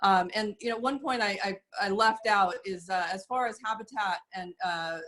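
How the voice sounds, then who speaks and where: A woman speaking as an interview guest, explaining carefully and earnestly, with frequent pauses and fillers. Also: medium pitch, fairly bright tone. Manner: measured, earnest, many fillers. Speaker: guest, soap company representative. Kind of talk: casual interview talk.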